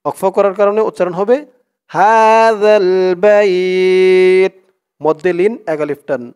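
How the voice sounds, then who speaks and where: A man teaching Quran reading, who spells out each word letter by letter and then chants the verses slowly. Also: high-pitched, darkish tone. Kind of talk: spelling lesson with recited verses.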